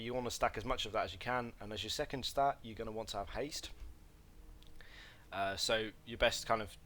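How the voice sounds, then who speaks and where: The game guide presenter here has a voice on the low side with a bit of brightness. His casual tutorial rambles along with lots of fillers and self-corrections, and a slight cough reveals mild throat irritation.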